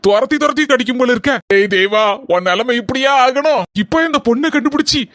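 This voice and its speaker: A voice actor doing a wailing, hapless husband. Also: male voice, extremely high pitch, brisk, fairly bright tone, no room sound. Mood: self-pitying. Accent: Kanyakumari Tamil. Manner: wailing, complaining. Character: hapless young village husband.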